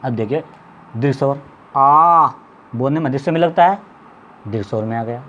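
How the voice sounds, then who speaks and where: A man's voice: mid-range voice, mellow. A man teaching a lesson to students, stretching out vowel sounds as examples, repeating a check-in phrase, and coughing now and then. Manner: drawn-out vowel demonstrations, repeats "ठीक है". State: occasional coughing. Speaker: Hindi teacher. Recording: slightly dull lo-fi audio with faint background noise.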